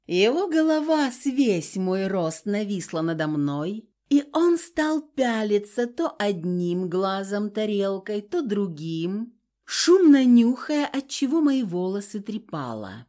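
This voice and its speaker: A woman reading a first-person audiobook narration in an expressive, dramatic way. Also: mid-range voice, takes it slowly.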